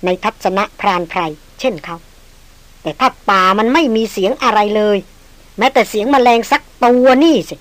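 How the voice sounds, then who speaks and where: A woman narrating an audiobook in a steady storytelling manner. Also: mid-range voice, moderate pace, no echo, rough recording. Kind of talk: scripted narration.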